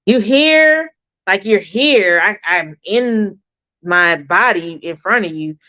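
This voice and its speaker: Woman, 30s, livestream host, unhurried, rambling candid storytelling, lo-fi stream sound. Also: medium pitch, expressive, bright, forceful tone. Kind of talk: casual personal livestream chat. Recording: dull lo-fi livestream audio.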